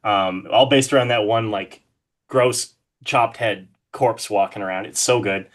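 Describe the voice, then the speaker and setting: A man with a low-leaning voice speaks unhurriedly as a podcast guest, a horror artist enthusiastically discussing horror films in a casual interview and swearing loosely.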